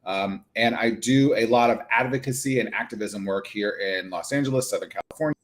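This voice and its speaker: A male clinician and advocate in a casual live-stream chat, talking in a lively, rambling way with lots of asides. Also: lowish voice, brisk. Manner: chatty, animated, lots of "like" asides.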